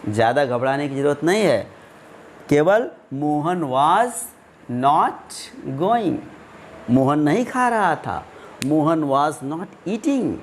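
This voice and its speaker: Male tutor for a recorded grammar lesson, slow and methodical, answers his own questions, faint room noise. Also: fairly high pitch, sing-song. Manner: stretches out English example words. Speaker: English grammar teacher. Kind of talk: classroom-style grammar lesson.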